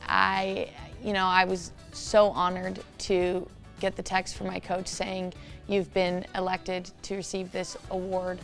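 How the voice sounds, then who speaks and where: Sincere young woman, reflective. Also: mid-range voice. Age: young adult. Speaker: senior college rower. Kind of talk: interview answer.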